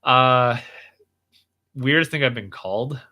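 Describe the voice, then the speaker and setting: A young man hosts a casual livestream, talking earnestly in a bright, forward tone. He rambles and restarts often, filling his talk with fillers as he goes. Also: medium pitch, slow pace. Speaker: livestream host.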